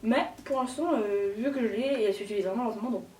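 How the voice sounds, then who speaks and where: A woman's voice: fairly high pitch, fast, a little mellow, distant mic, a little hiss or hum. Gushing young woman vlogger, echoey room. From Switzerland. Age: young adult. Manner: gushing, slangy, full of fillers. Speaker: beauty vlogger. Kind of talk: casual haul chat to camera.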